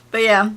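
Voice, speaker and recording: Giggly woman chatting on her vlog. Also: a bit bright. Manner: giggly, playful. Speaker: vlogger. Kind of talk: casual chat.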